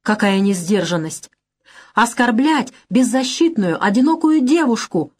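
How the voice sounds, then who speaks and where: A woman reading an audiobook, voicing an agitated young woman who defends her friend in shrill, tearful outbursts. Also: expressive, normal speed. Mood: indignant.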